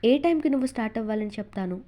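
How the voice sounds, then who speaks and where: A breezy, well-connected male friend from a novel read aloud, done by a woman reader, raised in pitch and volume with a friendly lift. Underneath the voice keeps a mellow, warm color. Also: lively intonation, rapid-fire, natural voice. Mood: cheerful.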